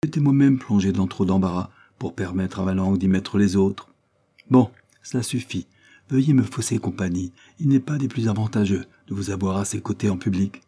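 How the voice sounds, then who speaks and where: A man reading an audiobook, voicing a good-humoured, mocking man who speaks calmly and teasingly. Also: lowish voice, normal speed, husky. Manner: calm, laughing, teasing.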